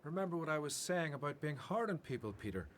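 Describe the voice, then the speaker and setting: An actor playing Jesus as a gentle, assured teacher in a radio Bible drama, speaking in a kindly, earnest way. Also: male voice, on the high side, sing-song, quick pace, slight background noise. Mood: gentle, caring.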